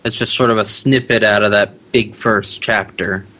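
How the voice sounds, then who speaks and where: A man speaks as a guest on a casual podcast interview. His voice is bright and forward, and he sounds relaxed and talkative, laughing easily. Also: lowish voice, normal speed. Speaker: podcast guest, audiobook narrator.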